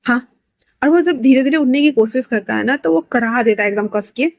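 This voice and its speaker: A woman's voice: high voice, a little fast, gravelly, dry recording. A woman narrating her own fan-fiction story in a chatty, casual way, with fillers and asides.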